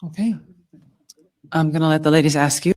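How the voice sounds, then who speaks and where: Brisk male dating show host. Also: a little high, steady tone, darkish tone. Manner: brisk, repetitive prompting.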